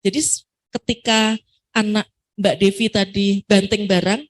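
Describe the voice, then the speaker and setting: A woman from Surabaya speaking at a parenting seminar, answering an audience question in a lively way that acts out what parents and children say. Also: mid-range voice, unhurried. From Surabaya, Indonesia.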